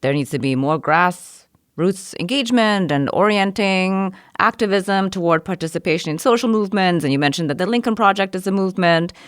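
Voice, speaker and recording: A woman from Indonesia hosting a podcast, asking thoughtful, measured questions. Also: fairly low pitch, dry recording, studio quality. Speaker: podcast host. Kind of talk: podcast interview.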